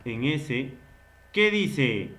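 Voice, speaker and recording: A man's voice: medium pitch, big pitch swings, fairly bright tone. A man teaching a grammar lesson. He asks questions and then answers them himself. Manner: slow, stretched-out explaining.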